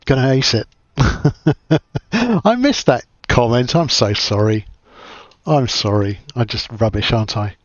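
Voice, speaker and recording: A man's voice: mid-range voice, expressive, measured pace, no echo, highs cut off. A man giving casual livestream commentary as he plays a flight simulator, thinking aloud in a chatty, self-deprecating way.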